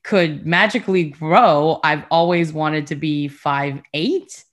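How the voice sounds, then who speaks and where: A woman's voice: deep voice, slow. Giggly, chatty woman podcast co-host. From United States. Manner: giggly, chatty, frequent laughter. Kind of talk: casual chat.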